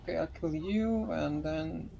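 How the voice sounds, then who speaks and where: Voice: medium pitch, a little slow, gravelly, dull audio, very noisy. Blunt player swearing at the game. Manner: blunt, swears when frustrated. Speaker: streamer playing a co-op game. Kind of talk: casual gaming chat. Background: game music.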